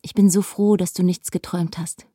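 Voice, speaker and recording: A woman reading the lines of an anxious middle-aged mother who talks in a flat, controlled, reassuring way. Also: on the low side, brisk, husky, dry recording, studio quality. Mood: coaxing.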